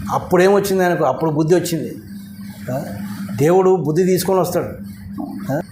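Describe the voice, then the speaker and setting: A man with a high voice delivers a sermon in a prayer hall. He tells a story and keeps prompting his congregation with short questions. The room echoes, with a faint hiss of noise behind him. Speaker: preacher.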